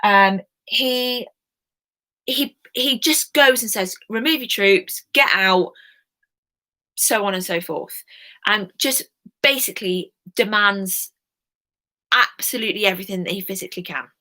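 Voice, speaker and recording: A woman's voice: mid-range voice, measured pace, pushed and bright. A young woman, giving a casual recorded history lesson in a chatty, informal way, full of asides and filler words. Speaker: history teacher.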